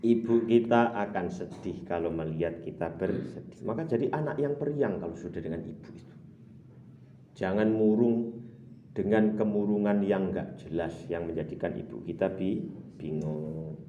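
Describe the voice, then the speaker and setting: A low, mellow male voice leads a boarding-school kitab lesson, chanting Arabic and explaining it phrase by phrase. The hall sounds roomy and the mic is far off, with faint ambience behind him. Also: moderate pace, muffled recording, a little hiss or hum. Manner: animated teaching, chanting Arabic, then glossing it. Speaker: Islamic boarding school teacher. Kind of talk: morning kitab lesson with word-by-word glosses.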